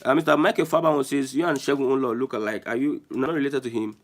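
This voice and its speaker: Man, Nigerian accent, mid-pitched, emphatic, repetitive, show host commentary. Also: fairly even intonation, quick pace. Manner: emphatic, repeats phrases, restarts often. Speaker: online show host reading viewer comments. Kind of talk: casual political commentary.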